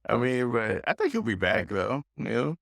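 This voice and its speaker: A man's voice: mid-range voice, sing-song, normal speed, vocal fry, a bit bright, no echo, studio quality. A man co-hosting a podcast in casual chat, laid-back and rambling, laughing often. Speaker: podcast co-host.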